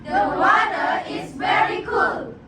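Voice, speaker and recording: A woman's voice: very high voice, animated, slow, over a noisy crowd. Young female students performing choral speaking, reciting in a theatrical, emphatic sing-song chant. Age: school-age young performers. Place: large echoing competition hall, distant mic. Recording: echoey noisy hall from far off.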